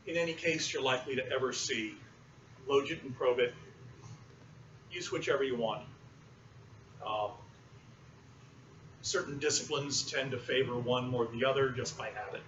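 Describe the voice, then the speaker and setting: A male university lecturer teaching a class in a relaxed, explanatory way, often pausing with fillers. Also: medium pitch. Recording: roomy, muffled, distant classroom recording with noise.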